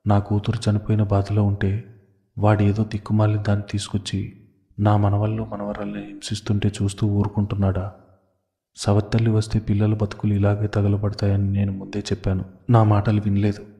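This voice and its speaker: A man's voice: on the low side, monotone, moderate pace, warm tone, lightly acted. A man voicing an anxious, fiercely protective old village grandmother in an audio story, with a scolding, agitated manner. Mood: angry. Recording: dull lo-fi audio.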